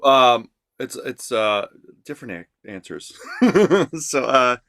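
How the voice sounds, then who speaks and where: A man's voice: mid-range voice, big pitch swings, takes it slowly, pushed and bright, no room sound, studio quality. A man co-hosting a live music reaction podcast, curious and easygoing, asking casual questions. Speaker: podcast co-host.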